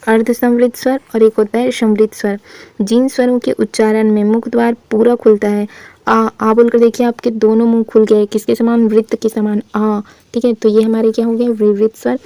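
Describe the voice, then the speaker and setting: A woman teaching Hindi grammar in a classroom style, asking questions and answering them herself and sounding out vowels slowly for the listener. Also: fairly high pitch, little pitch movement, warm tone, no echo. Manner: asks the class questions then answers them, says "thik hai" often.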